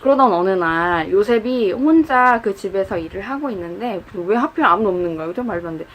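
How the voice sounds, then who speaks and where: A woman preacher telling a Bible story to teenagers in a casual, animated way, briefly acting out the characters' lines. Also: mid-range voice, fairly quick, a little hiss or hum, rough recording. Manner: animated, acts out quoted lines. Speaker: youth pastor. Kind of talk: youth sermon storytelling. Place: church, indoors.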